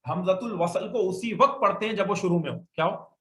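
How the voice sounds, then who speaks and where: In an echoey classroom with faint noise, a man with a high voice talks a little fast, patiently teaching Arabic grammar rules and running call-and-response drills where students repeat after him.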